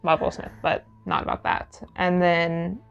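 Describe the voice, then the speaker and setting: A woman's voice: on the low side, flat delivery, a little slow, vocal fry, smooth, muffled recording. A young woman co-hosting a podcast, chatty and giggly as she reads out her research notes. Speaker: podcast co-host presenting research. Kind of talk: casual podcast chat. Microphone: studio mic.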